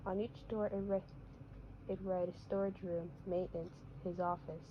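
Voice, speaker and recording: A woman's voice: on the low side, little pitch movement, moderate pace, slight background noise. A woman reading her own story aloud, stumbling and restarting phrases often. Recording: dull lo-fi recording.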